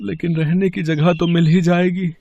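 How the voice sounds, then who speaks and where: A man's voice: high-pitched, little pitch movement, normal speed, creaky, a little mellow, muffled recording. A man voicing a poor, humble father who sells chickpeas, in a meek, pleading and sorrowful manner, in a cartoon story.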